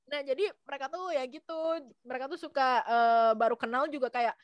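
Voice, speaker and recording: Young woman, casual slang chat, animated quoting, dry recording. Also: sits high, brisk, dry recording, highs cut off. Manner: chatty storytelling in slang, acting out quoted voices. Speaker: guest sharing experiences abroad.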